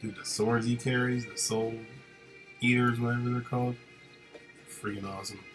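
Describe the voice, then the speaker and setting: A man casually chatting with viewers of his live stream while he works, relaxed and rambling with lots of fillers. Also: medium pitch, moderate pace, faint music behind.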